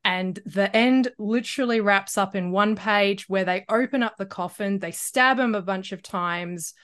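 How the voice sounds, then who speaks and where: Woman podcast co-host, casual book chat, laughs a lot, some ums, mid pitch. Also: measured pace, a bit bright. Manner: chatty, laughs often, hesitant fillers.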